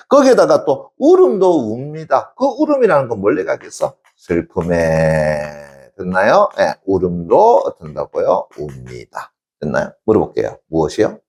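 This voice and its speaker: Lively male literature teacher. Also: fairly low pitch, creaky, breathy edge. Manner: constantly checks understanding with quick tag questions, then answers them himself. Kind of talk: exam-prep lecture.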